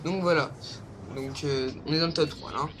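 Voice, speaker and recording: Over a noisy background, a young man with a higher voice hosts a casual countdown vlog in a steady tone at normal speed. He's hesitant and rambly, with plenty of fillers and asides, and the sound quality is that of a low-grade home recording.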